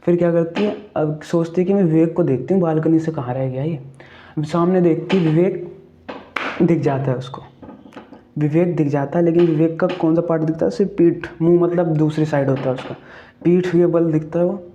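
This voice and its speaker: A man's voice: on the high side, fairly even intonation, brisk, dark tone, dull audio, slight background noise. A man casually retelling a ghost story, chatty, checking in with the listener and asking questions as he goes.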